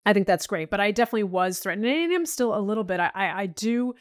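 A woman's voice: medium pitch, expressive, fast talker, no echo. Middle-aged woman chatting on a podcast, loose and talky, lots of restarts, dead dry close mic. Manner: chatty, many restarts and "you know"s. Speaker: podcast executive guest. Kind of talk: casual interview chat.

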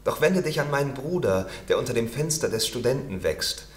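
A man voicing a boastful male yellow rose bush in a storybook reading, flowery and declaiming. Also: medium pitch, animated, a little fast, roomy sound, voice pushed up, lightly acted.

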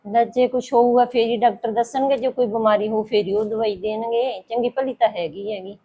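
A woman's voice: on the high side, steady tone, brisk, muffled recording. A woman playing a sympathetic seamstress who chats along and agrees. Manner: agreeing, chiming in with short replies. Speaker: tailor, sister-like friend. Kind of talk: short-film dialogue.

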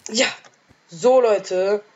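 A woman casually commentating her own game as a let's play gamer, trash-talking excitably, with a sore throat and frequent coughs. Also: medium pitch, extremely slow, highs cut off.

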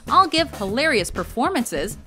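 A woman's voice: fairly high pitch, sing-song, normal speed, bright, forceful tone, soft background music. A woman reading scripted narration as the narrator of a film countdown.

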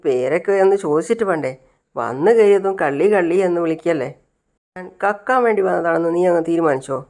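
Woman playing a stern, scheming woman intruder, commanding and hushing, lowish voice. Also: expressive, brisk. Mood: indignant. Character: bossy, sly woman intruder.

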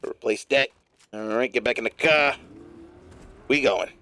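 A man streaming a game live, giving profane, rambling running commentary in a put-on gravelly smoker's rasp. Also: mid-range voice, unhurried, sharp tone.

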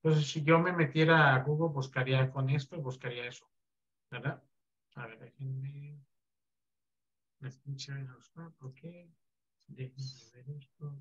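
A man teaching a basic computer class over a video call, relaxed, with many fillers and check-in questions. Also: medium pitch, unhurried, pauses often, muffled recording.

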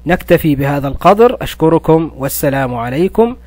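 A man teaching a primary school language lesson, praising the pupils often and slowing down to spell words syllable by syllable. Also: on the high side, animated, a little mellow, dry recording. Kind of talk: recorded classroom lesson.

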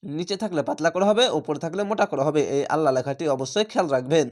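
A man with a slightly high voice leads a Quran reading lesson. He names each letter and its vowel mark in a patient, even manner. Then he chants the joined word slowly and stretches it out. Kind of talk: spelling-out recitation lesson.

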